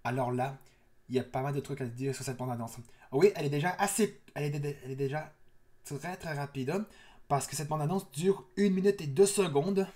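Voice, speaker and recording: A man's voice: fairly high pitch, a little fast, darkish tone. Eager, chatty male trailer-reaction host. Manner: eager, chatty, with frequent restarts. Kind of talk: casual trailer reaction commentary.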